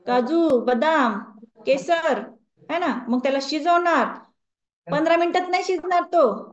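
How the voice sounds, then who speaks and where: A woman's voice: high-pitched, muffled recording. A woman wellness coach gives a conversational lecture to a group and keeps asking the audience questions.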